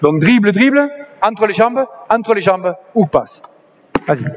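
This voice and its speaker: A man coaching basketball players on court, directing drills with quick commands and encouragement. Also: high voice, animated. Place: indoor basketball gym. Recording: slightly dull lo-fi sound with faint noise.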